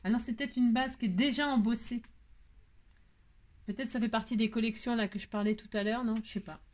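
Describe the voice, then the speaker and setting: A woman's voice: fairly high pitch, steady tone, fairly quick, a little mellow. A woman craft vlogger chatting casually as she opens her mail, gushing over each piece and cooing to her cat. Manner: effusive, gushing, repeats "trop joli"; coos to her cat in baby talk. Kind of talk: casual chat while opening mail.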